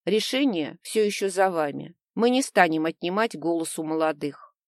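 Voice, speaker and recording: A powerful necromancer who is in charge, solemn and commanding, with a lowered voice, as a woman reads him. He speaks loudly and weighs every word. The sound is dry and close, as in an audiobook. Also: lively intonation, moderate pace, no room sound.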